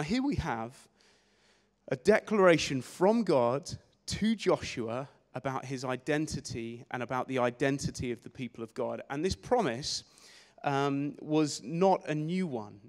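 A young man preaching a sermon on a church stage with a handheld mic, energetic and gesturing, often repeating words as he restarts phrases. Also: on the high side. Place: church stage in a large hall. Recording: long hall reverb.

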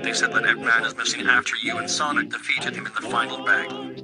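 A man's voice: medium pitch, level tone, quick pace, creaky, music in the background, natural voice. A man voicing a polite, chatty caller in a parody cartoon dub.

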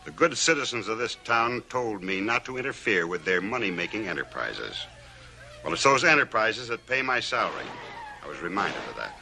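A middle-aged American actor playing a weary, bitter western sheriff in an emphatic, defensive manner. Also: male voice, on the low side, big pitch swings, normal speed, gravelly, bright, forceful tone, exaggerated voice, rough recording. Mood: defiant. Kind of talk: 1950s television western acting.

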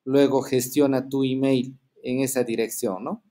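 Male teacher on a video call, mid-pitched, explanatory, leans on tag questions. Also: flat delivery, a little slow, warm tone. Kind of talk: online class lecture.

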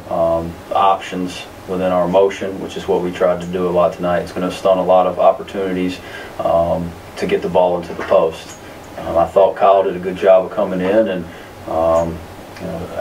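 A man in his thirties with a very low voice answers questions after a game, picking his words slowly and circling back with frequent fillers. He sits a little way from the microphone in a press room. A faint hiss stays under his speech. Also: darkish tone, distant mic, rough recording. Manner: measured, many fillers and restarts. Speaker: basketball coach. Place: press room in front of a sponsor backdrop.

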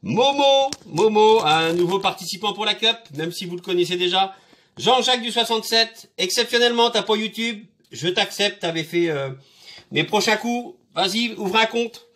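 A man hosting his own online game channel, calling out participants' names in an excited, playful manner. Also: high voice, normal speed. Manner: excited, sing-song roll call of names. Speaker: channel host. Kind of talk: casual video announcement.

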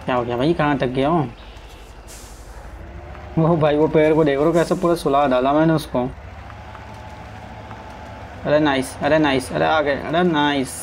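A man talks his way through a driving game in a loose, chatty flow, urging his truck along and talking to viewers. His voice sits a little high. Faint game sounds hum underneath. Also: fairly even intonation, a little slow, pauses often, poor audio. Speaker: gaming streamer. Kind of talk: casual gameplay commentary.

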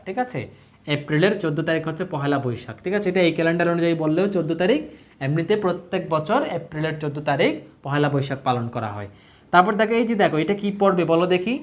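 A man teaching a children's math lesson, patient and checking understanding with frequent questions. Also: high voice.

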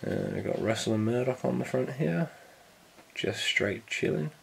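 A man's voice: mid-range voice, moderate pace, vocal fry, noisy background. A man chatting casually as he unboxes a vinyl set, laid-back and jokey, swearing now and then. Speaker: vinyl collector vlogger.

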